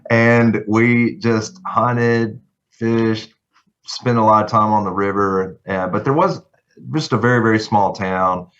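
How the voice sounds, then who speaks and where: A man's voice: lowish voice, fairly even intonation, slow pace. A middle-aged man from Tennessee with a Southern accent, a guest on a podcast telling folksy stories about growing up. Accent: Southern American. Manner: folksy, warm storytelling with laughs. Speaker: guest lawyer. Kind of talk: casual podcast interview. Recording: somewhat dull lo-fi sound.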